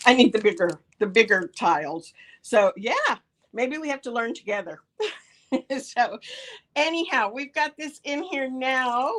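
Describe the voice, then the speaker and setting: A woman's voice: a little high, a bit bright. A middle-aged woman hosting a quilt store's product show, chatting casually and gushing over fabrics with frequent giggles.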